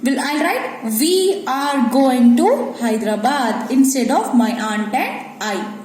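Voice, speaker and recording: Slow, high-voiced Indian English teacher. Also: female voice, lively intonation, darkish tone. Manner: slow, explanatory, checks with "Clear?". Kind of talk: recorded classroom grammar lesson. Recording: echoey room with faint ambient noise.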